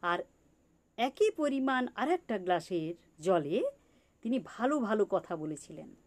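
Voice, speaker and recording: Woman, spiritual teacher, unhurried delivery, rises and falls a lot, quizzes listeners. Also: medium pitch, very animated, a little mellow. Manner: repeats points and asks rhetorical questions. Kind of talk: teaching talk on meditation in farming.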